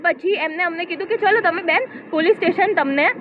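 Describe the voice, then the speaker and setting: Woman, very high voice, steady retelling of an incident, phone-like sound with faint hiss. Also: fairly quick. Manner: steady retelling, quotes dialogue. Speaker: complainant giving a statement. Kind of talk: first-person account of an incident. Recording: tinny phone-like audio with faint noise.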